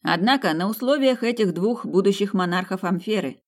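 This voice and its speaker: An audiobook reader voicing an eager male fire-mage who serves his lord, speaking in a raised, lively voice. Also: mid-range voice, fairly quick, voice pushed up, natural voice. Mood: earnest.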